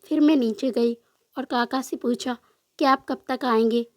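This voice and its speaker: A woman's voice: fairly high pitch, fairly even intonation, a little slow, a little mellow, dry recording, clean studio sound, close to an everyday voice. A woman voicing a tearful, frightened young woman in a storybook love tale, speaking with a trembling, pleading tone. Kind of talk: storybook narration with voiced dialogue.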